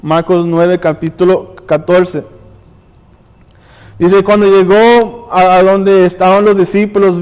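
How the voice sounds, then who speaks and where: A man's voice: high-pitched, a little mellow, smooth, in a large hall. A man preaching and reading scripture aloud, often stumbling and restarting words. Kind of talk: sermon with Bible reading. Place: church.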